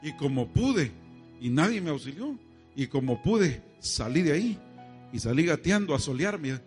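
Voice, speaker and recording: A man's voice: a little high, moderate pace, soft background music. A man preaching an evangelical sermon, telling stories and speaking directly to his congregation. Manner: addresses congregation directly, animated storytelling.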